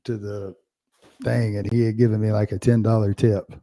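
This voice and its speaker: A man with a dark, mellow voice, talking loosely in a relaxed podcast chat. He rambles through his stories, full of slang and easy asides. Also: lowish voice, moderate pace. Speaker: podcast co-host. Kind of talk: casual chat.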